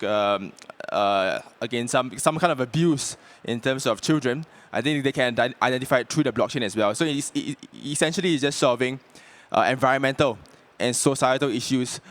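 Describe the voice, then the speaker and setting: A man from Southeast Asia with a mid-pitched voice talks on a conference panel stage. He hesitates often, filling gaps with "uh" and restarting his sentences. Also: a little fast, fairly bright tone. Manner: hesitant, many fillers and restarts.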